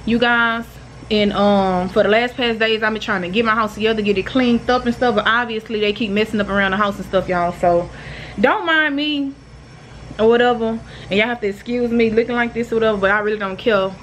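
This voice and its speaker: Her voice is fairly high, bright and brisk: a young single mother with a Southern US accent loosely chatting through a home cleaning vlog and telling off her kids. She's recorded indoors in her apartment living room and kitchen on a handheld phone, and the rough audio carries a little hiss or hum.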